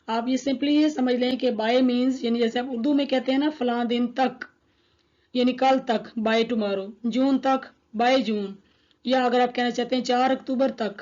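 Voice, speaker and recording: A woman teaching an English grammar lesson, reading each example sentence slowly and deliberately. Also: on the high side, a little mellow. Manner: slow, deliberate, reads English examples word by word. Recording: dull lo-fi recording.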